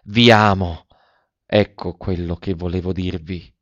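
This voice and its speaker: A man's voice: low voice, fairly even intonation, unhurried, fairly bright tone, dry recording. A man reading aloud and voicing a young man who pleads and declares his love fervently, in a dull and slightly muffled recording. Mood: tender.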